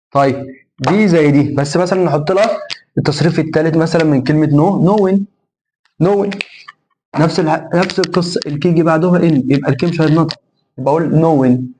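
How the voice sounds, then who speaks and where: A young man with an Egyptian Arabic accent teaching English pronunciation. He repeats each example sound slowly, and he asks his own questions and answers them. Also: a little high, a little mellow, a little hiss or hum. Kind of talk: phonetics lesson.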